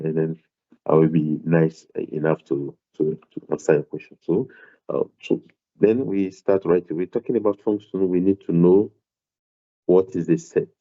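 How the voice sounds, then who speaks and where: A man with a very low voice and a foreign, non-South African accent teaches a maths class online. He speaks hesitantly, repeating words and filling pauses. His computer mic on the video call makes the sound dull and muffled.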